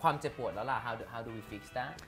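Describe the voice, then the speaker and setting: A man's voice: mid-range voice, normal speed, fairly bright tone, soft background music. A young adult man with a Thai accent hosting a playful lesson and chat, joking and switching between two languages. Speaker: host.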